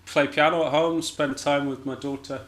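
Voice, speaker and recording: Speaking at a normal pace with little pitch movement, a man from Scotland gives a casual interview about his life as a jazz pianist and musician. His slightly high, somewhat bright voice carries a hesitant, modest, self-deprecating manner.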